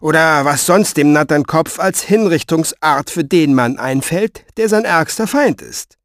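A man's voice: a little high, unhurried, no room sound, clean studio sound, close to an everyday voice. A man voicing an irritable old male writer who answers with curt, exasperated outbursts in an audiobook.

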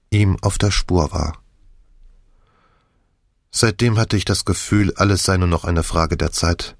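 A man reading an audiobook and voicing a tired, haunted woman confessing slowly. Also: sits low, dry recording, clean studio sound. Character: weary woman in her thirties, haunted.

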